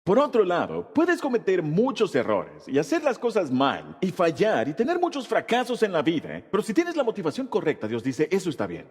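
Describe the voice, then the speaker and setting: A man preaching a sermon with a husky, slightly rough voice that sits fairly high. His delivery swings widely in pitch as he presses each point home. A long reverb trails behind his words. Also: wildly swooping pitch, moderate pace, hardly any pauses. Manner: emphatic preaching delivery with rhetorical questions. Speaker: Spanish voice-over of a pastor's sermon.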